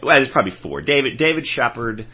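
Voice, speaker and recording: A man's voice: mid-range voice, very animated, quick pace, husky, muffled recording. A man telling anecdotes in a casual interview, rambling and restarting his sentences. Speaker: film collector guest.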